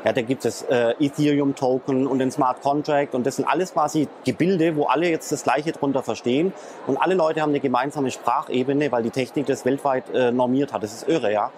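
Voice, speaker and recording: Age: adult. Sex: man. Pitch: mid. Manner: hesitant, filler-heavy explainer. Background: faint traffic. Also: a little fast, darkish tone. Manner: hesitant, many filler sounds and restarts. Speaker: interview guest, blockchain expert. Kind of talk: explanatory interview talk. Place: in Frankfurt, near traffic.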